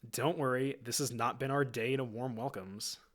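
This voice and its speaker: A man reading the lines of a dry, sardonic young male space knight in a low, flat delivery, in an amateur screenplay reading. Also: normal speed, natural voice.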